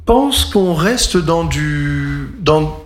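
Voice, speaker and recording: A man, a singer, giving a radio interview about his musical, lively and emphatic. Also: a little high, very slow.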